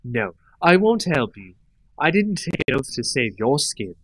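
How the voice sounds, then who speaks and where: A man's voice: mid-range voice, big pitch swings, unhurried, fairly bright tone, no room sound. A man voicing an angry female elf warrior who speaks harshly and accusingly in a read-aloud fantasy story.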